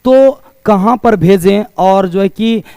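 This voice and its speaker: A man giving a promotional pitch for coaching classes as a teacher, explaining things repetitively. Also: slow, a little mellow, clear, resonant tone, dry recording. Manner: explanatory, repetitive, asks questions and answers them himself.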